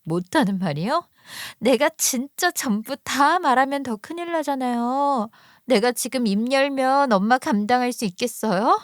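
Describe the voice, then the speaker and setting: A woman's voice: sits high, expressive, normal speed, dry recording, clean studio sound, voice pushed up. A woman voicing a defiant young woman who bitterly accuses her own mother, her voice raised and hurt. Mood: bitter, accusing.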